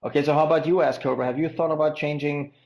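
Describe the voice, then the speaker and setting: A podcast host with a fairly high, steady, slightly mellow voice conducts an interview. His questions are long and halting, with frequent stumbles over words and restarts.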